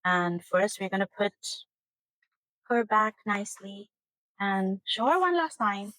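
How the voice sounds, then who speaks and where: A woman's voice: medium pitch, lively intonation, measured pace, a bit bright, no room sound, poor audio. A woman hosting her own tarot channel, chatting casually to camera from her kitchen in an earnest, rambling way that turns emotional. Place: home kitchen.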